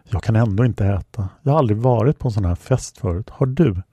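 A man's voice: on the low side, mellow, husky, dry recording. A man voicing a naive young girl at a feast, with a bubbly, chattering manner. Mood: excited. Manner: bubbly, wide-eyed, chattering.

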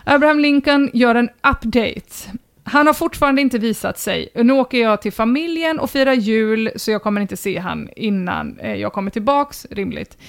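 A woman's voice: on the high side, lively intonation, clean tone. A woman hosting a casual chat, dryly reading forum posts aloud and acting out the quoted lines with amusement. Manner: dry, amused, acts out quoted dialogue; mock-solemn when reading aloud.

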